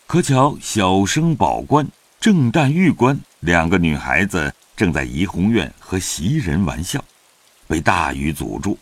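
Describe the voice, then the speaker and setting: A man narrating a classic novel in an audio drama, in an expressive storytelling manner. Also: deep voice, measured pace, slightly rough, no echo.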